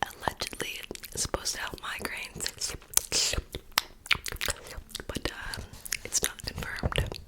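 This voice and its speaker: A woman performs a whispered role-play for ASMR, playing a piercer with a client. Her voice is a breathy, fully unvoiced whisper. She chats softly and casually, in a reassuring way. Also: slow pace, pauses often. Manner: soft, casual, chatty, reassuring.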